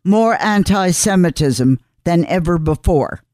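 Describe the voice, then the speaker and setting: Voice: medium pitch, expressive, unhurried, darkish tone, dry recording, clean studio sound. A radio host asking blunt, chatty questions. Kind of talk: radio interview.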